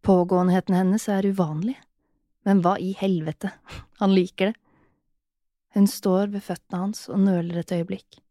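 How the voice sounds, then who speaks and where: A woman narrating a scripted erotic audio story in a soft, intimate way, sometimes dropping into a whisper. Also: medium pitch, flat delivery, long pauses, dry recording, clean studio sound.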